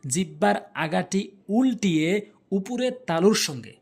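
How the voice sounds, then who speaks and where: A teacher giving a slow, step-by-step pronunciation lesson, repeating each letter sound several times and explaining it in simple terms. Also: medium pitch, very animated, gravelly, darkish tone, breathy edge. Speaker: Quran recitation teacher.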